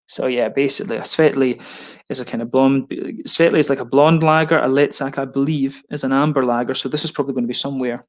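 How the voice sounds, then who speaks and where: A man's voice: mid-range voice, steady tone, fast talker. A man giving casual unboxing commentary as a beer reviewer, chatty and rambling with frequent ums.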